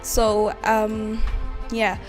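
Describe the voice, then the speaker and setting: A woman's voice: mid-range voice, completely flat delivery, extremely slow, faint music behind. A woman contributing to a radio show, talking earnestly and asking rhetorical questions. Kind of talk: casual radio chat.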